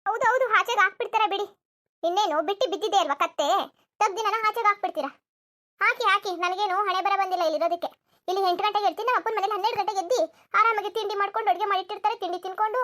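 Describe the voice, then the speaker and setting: A woman's voice: extremely high pitch, fairly bright tone. A woman voicing a lazy, sleep-loving young daughter-in-law in a cartoon comedy, cheeky and argumentative. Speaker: narrator addressing viewers.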